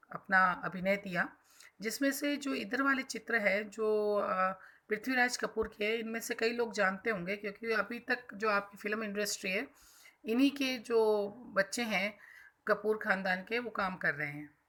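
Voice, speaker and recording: A woman's voice: mid-range voice, normal speed, bright, forceful tone. A woman school teacher explaining a textbook chapter to children, defining hard words simply and repeating herself as she goes.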